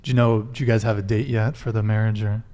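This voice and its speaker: A man hosting a live dating podcast, joking around and firing off quick follow-up questions to his guests. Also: on the low side, level tone, dark tone. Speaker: podcast host. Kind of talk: casual live-stream chat.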